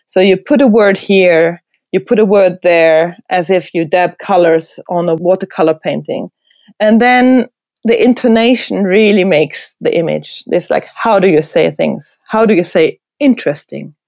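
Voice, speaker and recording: A middle-aged German woman with a German accent, a design professor speaking as an interview guest, animated and thoughtful, laughing often. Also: lowish voice, unhurried, vocal fry, no room sound. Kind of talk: reflective conversational interview.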